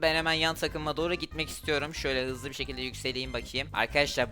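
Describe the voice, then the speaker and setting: A man giving excited gameplay commentary from home, trash-talking opponents and talking to his viewers. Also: mid-range voice. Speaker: gaming YouTuber.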